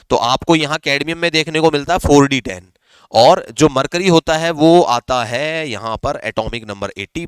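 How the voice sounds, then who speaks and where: A man's voice: fairly high pitch, fairly bright tone, clean tone, dry recording. A male chemistry teacher with a Rajasthani Hindi accent, explaining exam questions step by step and answering his own questions. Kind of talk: exam-prep chemistry lesson.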